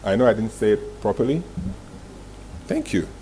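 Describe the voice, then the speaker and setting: His voice is on the low side and dark, with lively intonation at normal speed. A communications executive presenting a motivational masterclass to a live audience, he tells stories emphatically in short dramatic bursts and rhetorical questions. The live room recording is clearly noisy.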